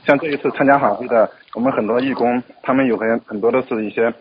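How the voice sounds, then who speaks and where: Guy backing up the host with quick yeses, dull radio sound. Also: mid-range voice, fairly even intonation. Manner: brief agreeing replies. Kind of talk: radio call-in talk. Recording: lo-fi radio broadcast.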